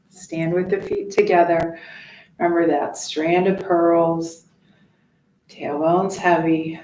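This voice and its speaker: A woman teaching tai chi, giving serene, unhurried step-by-step movement cues with pauses between them. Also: lowish voice, darkish tone, a little hiss or hum. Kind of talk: step-by-step movement instruction with short spoken cues. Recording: roomy echo, distant microphone.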